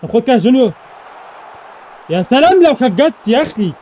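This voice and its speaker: A young man with an Egyptian Arabic accent giving excited live commentary over his own football video game matches, rattling off repeated exclamations. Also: very high-pitched, fast talker. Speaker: gaming YouTuber.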